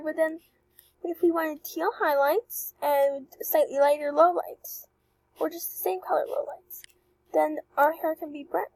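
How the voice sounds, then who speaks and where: A young woman chatting excitedly through a walkthrough of an avatar creator, with apologetic asides. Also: high voice, creaky, no echo, rough recording. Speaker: channel host reviewing avatar creators. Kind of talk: casual screen-recording walkthrough.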